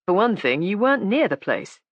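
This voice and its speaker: A woman's voice: mid-range voice, sing-song, fairly quick, dry recording, dull audio, voice pushed up. A woman reading a stern, ironic male inspector. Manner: cool, clipped, ironic. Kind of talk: audiobook character voice.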